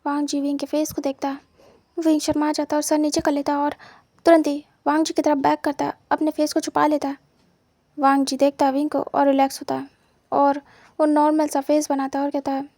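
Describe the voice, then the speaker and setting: A woman with a high voice reads a story aloud in a steady, plain way. Her pitch barely moves, and the tone is mellow and warm. The recording is close and dry. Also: brisk, no room sound. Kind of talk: scripted story narration.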